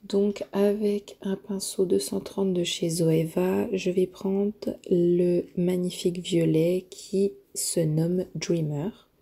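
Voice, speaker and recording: A woman narrating a makeup tutorial, hesitant and full of filler pauses, often dropping to a near-whisper while she works. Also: lowish voice, mellow, breathy edge. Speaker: beauty vlogger.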